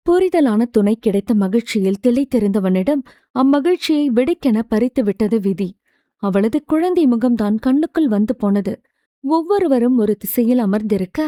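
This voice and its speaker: A woman narrates a romance novel in a steady, expressive reading voice. Her tone is mellow, and the recording is dry and close with no room sound. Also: fairly high pitch, no echo. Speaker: audiobook narrator.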